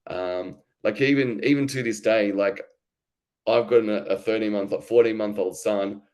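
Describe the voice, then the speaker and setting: A man's voice: on the low side, fairly even intonation, measured pace, darkish tone. A man in his thirties telling his own story in a candid, informal way with lots of fillers and restarts. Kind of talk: casual conversational storytelling.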